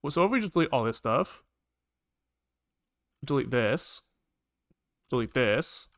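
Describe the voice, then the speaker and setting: In an unhurried, medium-pitched voice with lively intonation and a fairly bright tone, a man gives casual commentary as he livestreams his programming, muttering, repeating phrases and swearing now and then. Keyboard typing and clicking sound in the background of the dry recording.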